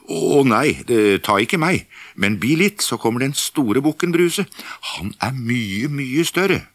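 Man voicing an anxious middle billy goat, raised pitch. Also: big pitch swings, a bit bright, no room sound. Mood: anxious pleading. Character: middle billy goat, anxious, pleading, less fine-voiced.

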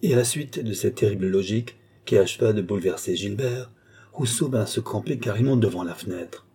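A male audiobook narrator reads a classic novel in a measured storytelling manner. His voice is low and dark-toned, with a husky grain.

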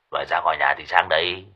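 A man voicing a gruff older village exorcist, bossy and husky. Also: deep voice, bright, forceful tone, lo-fi sound, pitched below the performer's own voice. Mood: teasing. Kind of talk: audiobook character voice.

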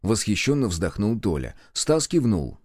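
Male audiobook narrator, deep, lively intonation, dry close mic. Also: unhurried, no room sound. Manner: expressive storytelling. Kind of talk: scripted narration.

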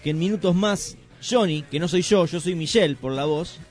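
A man co-hosting a radio show in a studio with a Rioplatense accent, excitable and eager, talking in casual banter. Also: high-pitched, moderate pace, faint music behind. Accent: Rioplatense Spanish. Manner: excitable, eager, keeps agreeing. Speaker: radio co-host.

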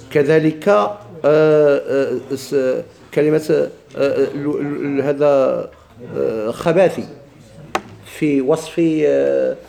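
A man's voice: on the high side, creaky, dark tone. A man with a Moroccan Arabic accent teaching Arabic grammar, asking and answering his own questions and repeating examples. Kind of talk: classroom explanation of a grammar text.

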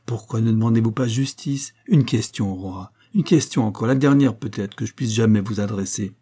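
A man's voice: on the low side, a little fast, mellow, husky. A man playing a stern, wounded captain. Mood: demanding. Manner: grave, insistent, impassioned. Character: stern, honorable young army captain, wounded fiancé.

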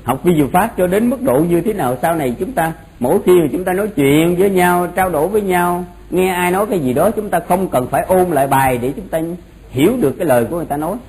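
A man's voice: high voice, animated, fast, darkish tone, low-quality recording. A man giving an informal explanatory religious lecture, often repeating phrases for emphasis. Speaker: Buddhist monk teaching a doctrine class. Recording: noticeable background noise.

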